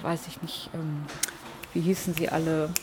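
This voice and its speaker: A woman's voice: deep voice, level tone, moderate pace, darkish tone, a little hiss or hum. A woman from Hamburg, a comic artist, telling her story in an interview in a reflective way with hesitant fillers. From Hamburg, Germany.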